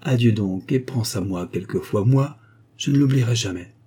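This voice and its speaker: Man doing a calculating young actress, coaxing, caressing, raised pitch, mellow husky tone, storybook reading. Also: moderate pace.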